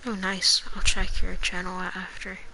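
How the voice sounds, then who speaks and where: A woman's voice: lowish voice, completely flat delivery, normal speed, crowd noise. A woman streamer chatting casually while trading items in a game, easygoing, giving brief replies. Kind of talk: casual gaming chat. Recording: noisy game stream audio.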